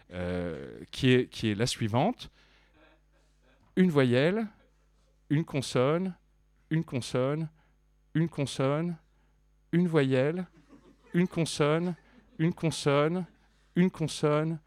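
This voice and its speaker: A man giving a deadpan mock review of a dictionary, rambling with many restarts and fillers. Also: mid-range voice, no echo.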